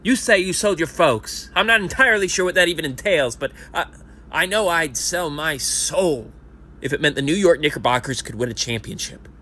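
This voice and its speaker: In an amateur audio play, a man in his thirties plays a self-pitying lifelong sports fan at a support group, rambling, self-deprecating, and sometimes rising into indignant rants. He pitches his voice above his own, making it a little high, bright and forceful, expressive, at a moderate pace.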